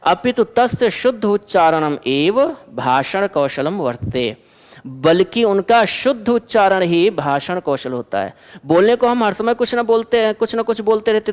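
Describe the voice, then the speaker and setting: A male teacher delivers an exam-prep lesson in a high voice. He keeps asking his class a question and then giving the answer himself. The room around him rings with a long reverb.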